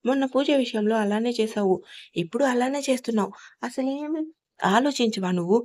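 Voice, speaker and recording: A woman's voice: fairly high pitch, brisk, a little mellow, lightly acted. A woman voicing a hurt, defiant young wife in an audio story, speaking emotionally. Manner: pleading then defiant, emotional.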